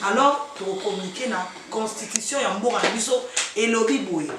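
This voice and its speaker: A woman's voice: medium pitch, fairly quick. Congolese woman talking to her association, french and lingala all mixed, far off mic, echoey hall, noisy crowd. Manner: mixes French and Lingala, loose rambling phrasing. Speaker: association leader. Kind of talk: address to a gathering.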